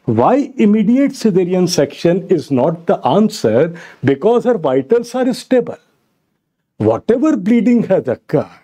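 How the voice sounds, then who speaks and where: A man's voice: high-pitched, warm tone, slightly rough. A middle-aged man with a North Indian accent teaching an exam-prep medical lecture, repeating key phrases for emphasis and mixing English with Hindi. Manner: switches between English and Hindi. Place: indoor studio in front of a slide screen.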